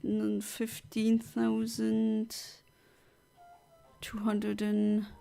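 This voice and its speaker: A woman's voice: mid-range voice, completely flat delivery, drawn-out words, vocal fry, dark tone. A woman from southern Luxembourg, chatting casually on a gaming livestream, rambling as she reads out and answers chat. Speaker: streamer.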